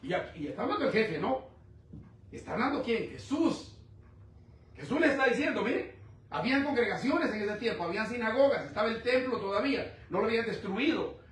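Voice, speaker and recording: A man preaching a sermon, asking the congregation rhetorical questions and swinging between loud and quiet. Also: extremely high pitch, big pitch swings, fairly quick, slight background noise. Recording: echoey room, mic at a distance.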